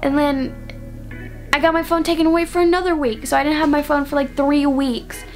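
A woman's voice: high voice, fairly even intonation, a little fast, faint music behind. A young woman vlogger telling a personal story in a casual, rambling way, dropping "like" into nearly every phrase.

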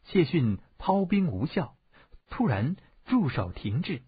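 Husky man narrating an audiobook expressively. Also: fairly high pitch, slow pace, no echo. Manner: expressive storytelling, varied tone. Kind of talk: scripted martial-arts novel narration. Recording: dull, dry lo-fi audiobook recording.

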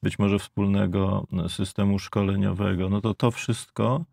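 A man in his fifties with a Polish accent sets out his views in a panel debate, measured but stumbling over restarts. His low voice has a strongly gravelly fry. The close lapel mic keeps the sound dry. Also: flat delivery, a little mellow, no echo. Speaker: debate guest, geopolitical analyst. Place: studio with blue backdrop.

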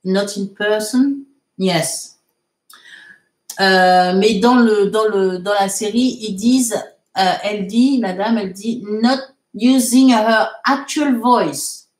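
Slow-talking woman teacher in an echoey room. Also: mid-range voice, darkish tone. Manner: switches between French and slow English, frequent hesitations. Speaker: English teacher. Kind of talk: live online English lesson.

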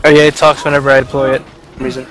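A man's voice: mid-range voice, level tone, racing, a bit bright, faint music behind, rough recording. A young man chatting casually with fellow players during a co-op video game. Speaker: gaming co-player. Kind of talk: casual gameplay chat.

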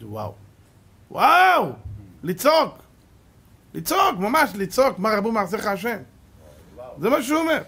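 A middle-aged rabbi with a high voice delivers a Torah lesson to a live audience as a sermon. He is animated and asks rhetorical question after rhetorical question, swinging between loud exclamations and hushed tones.

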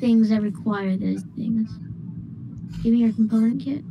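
A woman's voice: fairly high pitch, steady tone, measured pace, vocal fry, lo-fi sound, noisy background. A female gamer in casual co-op chat, bossy and playful, giving orders to her teammate and humming filler.

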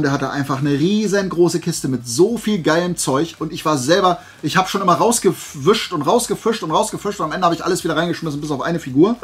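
Rambling through asides, this YouTuber talks playfully and casually to the camera about his flea market finds. He has a husky, mid-range voice.

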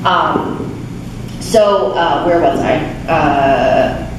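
At a lectern in a small church chapel, a guest speaker from a refugee resettlement nonprofit gives an informal talk and takes audience questions. She holds a handheld mic, speaking very slowly in a low voice, chatty and full of restarts and fillers. A far-off camera recorded it, so the sound is echoey with room noise.

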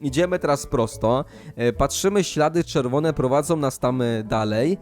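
A young man giving excited commentary over his gameplay, often jumping into high, loud outbursts. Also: moderate pace, faint music behind. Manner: animated, jumps into high excited shouts. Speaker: Minecraft YouTuber.

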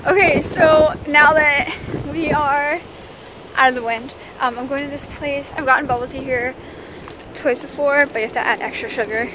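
A young woman from eastern Pennsylvania vlogging casually on a handheld phone while she walks through shops and sits in a car, bubbly, excitable and giggly. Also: high voice, moderate pace, noisy background. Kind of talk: casual vlog. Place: walking outdoors, in shops and a car. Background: music.

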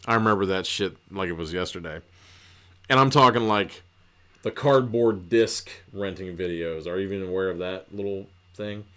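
A man's voice: sits low, normal speed, fairly bright tone. Rambling, profane man recapping a book. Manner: rambling, profane, lots of fillers. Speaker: podcast host reviewing books.

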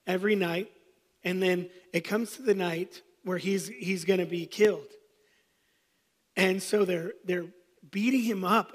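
A man's voice: high voice, long reverb tail. A man in his thirties, a pastor preaching, telling a personal story with self-deprecating humor. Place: church sanctuary.

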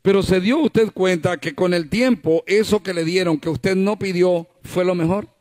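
A man's voice: high voice, normal speed, darkish tone. A male pastor preaching a sermon at a church service, conversational, full of rhetorical questions and acted-out quotes.

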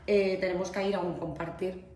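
A woman from Spain tells a story to camera with a chatty, animated flow. She keeps up a steady stream of fillers and asides. Her voice rings in an echoey room over faint ambient noise. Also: fairly low pitch, normal speed. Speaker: vlogger.

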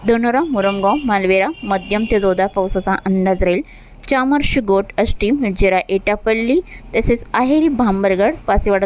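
A woman's voice: medium pitch, a little hiss or hum. A woman presenting a weather update, reading a regional rain forecast and rattling off long lists of place names.

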